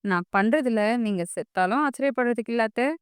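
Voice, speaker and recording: A woman's voice: a little high, a little fast, smooth, dry recording, clean studio sound, lightly acted. A woman voicing a possessive, scheming teenage girl who snaps and accuses in an audiobook. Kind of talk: audiobook character voice.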